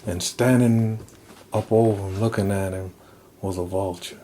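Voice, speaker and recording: Low-voiced man telling a story earnestly. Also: steady tone, normal speed, dark tone, a little hiss or hum. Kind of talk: casual chat.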